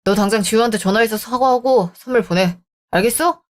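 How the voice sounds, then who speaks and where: A woman's voice: on the high side, brisk, lightly acted. A woman voicing a selfish, dismissive young married man in a radio drama, talking scornfully. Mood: angry. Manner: scornful, bickering. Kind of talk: Korean radio drama acting.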